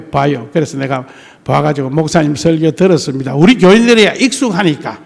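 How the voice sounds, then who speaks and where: A man's voice: on the high side, creaky. An older male pastor with a strong Gyeongsang accent from the Tongyeong and Geoje area, preaching a sermon in a folksy, joking way and acting out the dialogue he quotes. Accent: Gyeongsang, Tongyeong-Geoje dialect. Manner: folksy, acts out dialogue in many voices, jokes with the congregation. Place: church sanctuary. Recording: long church hall reverb.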